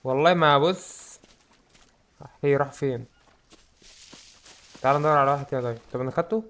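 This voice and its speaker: Fast-talking Egyptian gamer. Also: male voice, medium pitch. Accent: Egyptian Arabic. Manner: excitable, jokes about his own fear. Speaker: gaming YouTuber. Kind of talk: let's play commentary.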